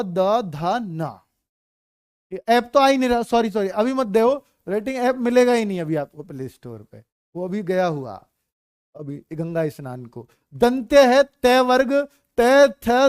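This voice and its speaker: एक पुरुष शिक्षक ऑनलाइन कक्षा में बच्चों को हिंदी वर्णमाला पढ़ा रहा है, मज़ेदार किस्से सुनाता है और बच्चों की नकल करके दिखाता है।. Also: male voice, sits high, lively intonation, slow pace, clean tone, dry recording, studio quality. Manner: playful, uses silly stories and acts out children. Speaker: teacher. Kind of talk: online Hindi grammar class.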